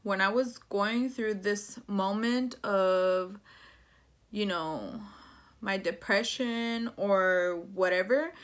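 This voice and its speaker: Speaking slowly in a medium-pitched voice, a woman in her twenties shares a personal storytime to camera from a small plain room indoors. She's casual and slangy, slipping back and forth between English and Spanish.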